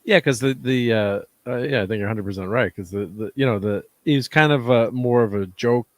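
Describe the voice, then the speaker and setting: A man hosting a casual chat about comics, rambling and halting, often laughing. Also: medium pitch, no room sound. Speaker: host.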